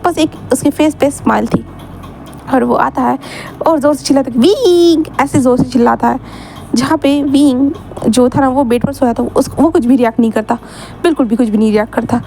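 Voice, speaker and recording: A woman tells a story in a loose, chatty way, slipping in English words. Her voice is high-pitched, with faint background noise. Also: steady tone, a little fast, gravelly, mellow. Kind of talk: casual story narration.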